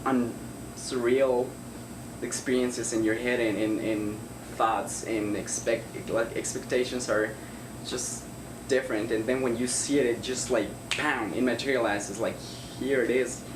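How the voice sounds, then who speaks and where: A man's voice: mid-range voice, steady tone, measured pace. A twenty-one-year-old man giving a reflective documentary interview, often searching for his words. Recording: roomy, distant and noisy.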